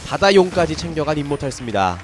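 A man's voice: a little high, sing-song, quick pace, music in the background. A man giving play-by-play commentary on a live game as an esports caster.

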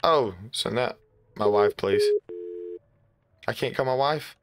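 A man's voice: mid-range voice, slow, heavy background noise. A man hosting a gaming video, giving casual, slangy, incredulous commentary as he plays. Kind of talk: casual let's play commentary.

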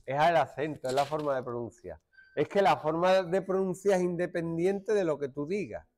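A middle-aged man from Málaga with an Andalusian accent, teaching a joking classroom lesson and hushing his students. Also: fairly high pitch, moderate pace, a little hiss or hum. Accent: Andalusian Spanish. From Málaga, Spain. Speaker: secondary school teacher.

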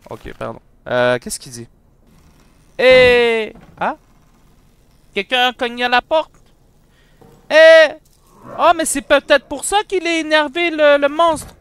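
A young man with a Quebec French accent, giving excitable commentary while playing a horror game and bantering with the monster. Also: very high voice, slow, pauses often, no echo. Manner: excitable, shouts and jokes at the monster. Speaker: let's play gamer.

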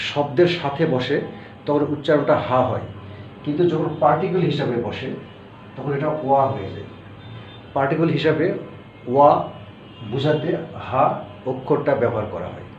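Guy teaching a grammar lecture, kinda high voice, echoey dull room sound, faint music under it. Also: a little mellow. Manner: patient, repeats syllables slowly to explain. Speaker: Japanese language teacher.

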